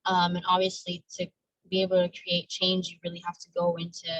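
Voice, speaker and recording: A young woman student introducing herself in a casual, unhurried way on a video call. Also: fairly low pitch, completely flat delivery, fairly bright tone, dry recording. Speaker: undergraduate student. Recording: distant, dry, dull mic.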